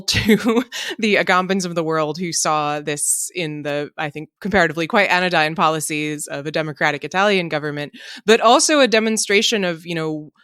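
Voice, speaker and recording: Clear, dry-miked voice in thoughtful panel talk. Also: mid-range voice, fairly bright tone, dry recording. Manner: discursive, intellectual, self-described nerdy digressions. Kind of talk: unscripted political panel discussion.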